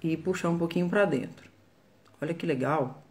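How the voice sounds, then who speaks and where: A woman's voice: sits low, moderate pace, darkish tone. Chatty Brazilian woman teaching makeup. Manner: chatty, greets viewers by name while working. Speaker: makeup artist. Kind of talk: live makeup tutorial. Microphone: phone.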